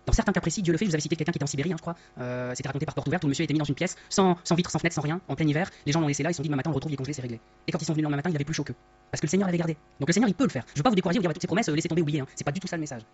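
Fast-talking man with a disguised voice. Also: on the high side, slightly rough. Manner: earnest, rephrases often, tags lines with "hein". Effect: voice-disguising software. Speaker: Bible teacher. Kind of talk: conversational Bible study talk. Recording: dull lo-fi sound.

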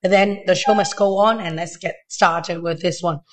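A man with a thin, weak, unwell voice tutoring step by step in halting, short phrases, informally. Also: high voice, steady tone. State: unwell, weakened voice. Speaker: maths tutor. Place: indoors at a desk.

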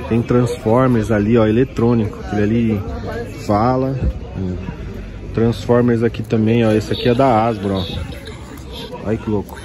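A vlogger with a Brazilian Portuguese accent browses toy stalls at an outdoor street market, filming on a handheld phone camera and eagerly pointing things out in a casual, enthusiastic way. His voice is fairly low with fairly even intonation, a normal speed and frequent pauses. A crowd, music and traffic fill the background.

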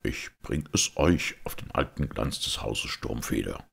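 A man's voice: expressive, a bit bright, exaggerated voice. A man voicing a proud, brooding middle-aged outlawed knight in an audiobook, with solemn, weighty speech. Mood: jovial. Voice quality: deep gravelly rasp. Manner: solemn, weighty, slow delivery. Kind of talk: audiobook character voice.

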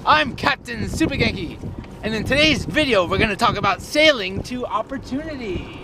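A young man hosting an energetic, slangy motivational vlog from a small sailboat, talking into a camera held at arm's length. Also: high voice, normal speed. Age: young adult. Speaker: vlogger host. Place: small sailboat on open water outdoors. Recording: wind and water noise outdoors. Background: wind and water.

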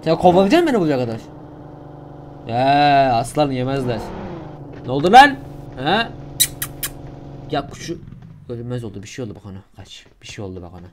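A young man giving casual, slangy commentary over a mobile shooter game, getting loud and excited in tense moments. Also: mid-range voice, fairly quick, pauses often, a little hiss or hum. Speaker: gaming YouTuber.

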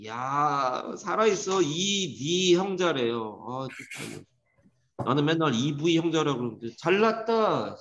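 A man teaching an English grammar lesson to a class, lively and teasing, scolding students. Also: on the high side, unhurried, a little hiss or hum. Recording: dull echoey classroom recording.

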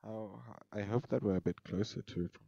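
A man's voice: on the low side, steady tone, moderate pace, gravelly, mellow, no echo. A man, playing a survival game in casual let's-play commentary, exclaiming often and bossing the characters around as he mutters to himself. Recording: dull lo-fi home recording.

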